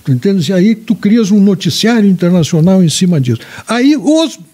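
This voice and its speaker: A man's voice: sits high, big pitch swings, moderate pace, mellow. A man, a guest commentator arguing his points emphatically in a political talk show discussion. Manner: emphatic, argumentative, repeats words while searching for them.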